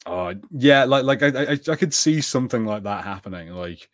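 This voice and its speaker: A man co-hosts a podcast, chatting casually about TV in a casual review format and tentatively thinking out loud. His medium-pitched voice is expressive at a moderate pace, in clean studio sound with no room echo.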